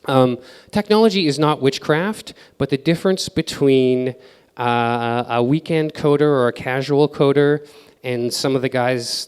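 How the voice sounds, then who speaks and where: Male conference speaker, relaxed filler-laden delivery, clear voice with hall echo. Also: medium pitch. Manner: casual, filler-heavy advice with acted-out quotes. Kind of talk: conference presentation. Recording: reverberant hall.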